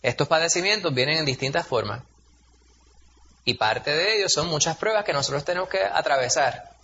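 Bright-voiced preacher in his 40s. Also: fairly high pitch, lively intonation, normal speed, muffled recording. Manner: conversational, storytelling, acts out quotes in raised voice. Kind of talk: sermon.

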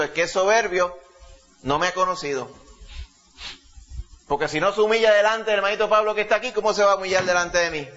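A preacher delivers a sermon with emphatic conviction. He keeps posing rhetorical questions to his listeners in a somewhat higher male voice. The recording is muffled and lo-fi. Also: fairly bright tone. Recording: dull lo-fi recording.

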